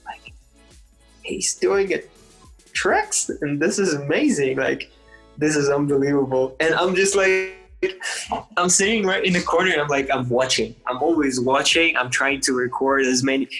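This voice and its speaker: An eager young man in his 20s, a guest athlete, tells stories in a casual interview chat, his speech full of "like"s and restarts. His voice is mid-range and a bit bright, and the recording is rough.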